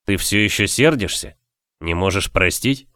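A man reading an audiobook, playing a calm, tender lord husband in a soft, low voice. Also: moderate pace, no echo, studio quality.

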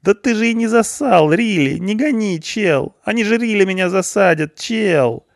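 A man's voice: high-pitched, lively intonation, moderate pace, creaky, no room sound, studio quality, voice pushed up. A man voicing a panicky eighteen-year-old punk boy behind bars, whining and pleading in slang. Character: panicky whiny teenage punk boy in jail.

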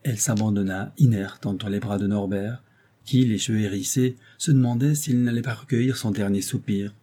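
A man narrating a classic novel as an audiobook, reading in a measured, dramatic way. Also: fairly low pitch, mellow. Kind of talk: scripted narration.

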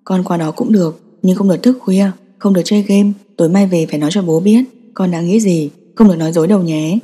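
A woman voicing a calm young father who speaks to his son in a low, soft, patient way. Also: fast, breathy edge. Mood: gentle firm. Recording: long reverb.

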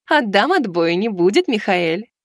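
A man voicing a composed, gently amused female teacher. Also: sits high, big pitch swings, unhurried, no echo, clean studio sound, voice pushed up. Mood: calm.

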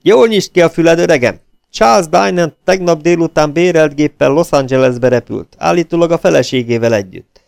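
A man voicing a brash male detective partner who talks loudly and teasingly. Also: mid-range voice, animated, smooth, dry recording, clean studio sound, pitched above the performer's own voice, natural voice. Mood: excited teasing. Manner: loud, teasing and eager.

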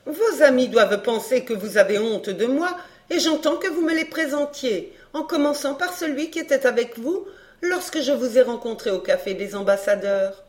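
A woman reading a proud, sharp-tongued young countess, cool and teasing, in an audiobook dialogue. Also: sits high, expressive, normal speed.

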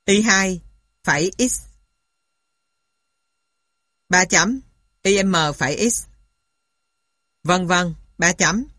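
Woman, very slow pace, methodical lecturer, scripted read-aloud narration, dry close sound. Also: lowish voice, fairly bright tone, dry recording. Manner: methodical, spells out symbols and punctuation. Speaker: lecturer reading a maths textbook aloud.

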